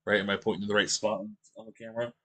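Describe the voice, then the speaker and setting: A man with a fairly low, sharp voice talks casually on a morning stream, racing along in a flat delivery over poor audio. Sleepy and yawning, he rambles and hesitates with lots of ums and restarts, sitting at home beside boxes of cards.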